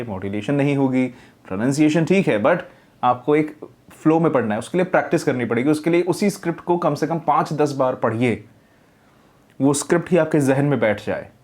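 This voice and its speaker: A man's voice: medium pitch, darkish tone. A man working as a voiceover coach, reviewing recordings and explaining tips step by step. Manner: explains step by step, demonstrates readings.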